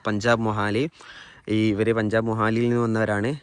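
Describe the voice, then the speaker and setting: A man with a fairly low voice and a Malayali accent narrates a travel vlog as he shows places around. His talk is casual, and he mixes English words into his Malayalam. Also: level tone, fairly quick. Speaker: travel vlogger.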